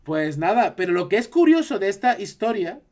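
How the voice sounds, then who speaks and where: A man's voice: high-pitched, sing-song, brisk, darkish tone. A man from Spain with a Spanish accent, chatting casually on a live stream and reacting to his chat.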